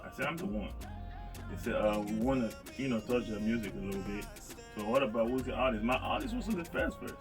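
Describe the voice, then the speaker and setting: Laid-back low-voiced man from Cameroon. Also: quick pace, recorded from a distance, over music. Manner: relaxed, rambling storytelling with fillers. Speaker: guest rapper. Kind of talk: casual interview chat.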